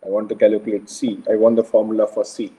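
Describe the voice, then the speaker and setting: A man with a South Indian Kannada accent, an engineering lecturer, teaches a live online class step by step over a video call with his screen shared, speaking informally, repeating phrases and often questioning his students. His lowish voice is warm and fast, with little pitch movement. The call audio is dull and lo-fi.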